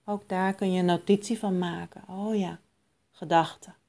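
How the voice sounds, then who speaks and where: A woman guiding a mindfulness meditation in a soft, calm, soothing manner with long pauses. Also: mid-range voice, gravelly. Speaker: meditation guide.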